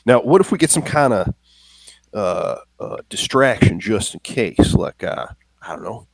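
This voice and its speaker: A man's voice: fairly low pitch, very animated, a little slow, creaky, no room sound. A man playing a tabletop game, joking and loose in casual chat. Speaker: player.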